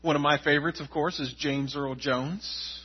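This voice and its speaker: A man's voice: a little high, fairly even intonation, moderate pace, breathy edge, dull audio. A pastor preaching a sermon in a conversational way, repeating words to stress his points.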